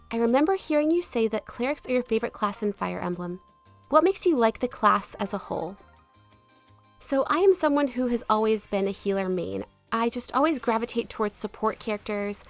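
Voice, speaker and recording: A woman with a slightly high voice chats casually over gameplay, answering viewer questions in a gaming video while music plays behind her. She's polite and easygoing, chatty and quick to laugh, though her voice hasn't fully recovered from being sick.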